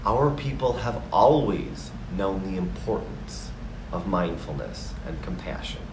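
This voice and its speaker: A man voicing a kind, wise female elder in a story, with a calm, gentle manner. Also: low voice, unhurried, reverberant, noisy background. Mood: calm, reverent.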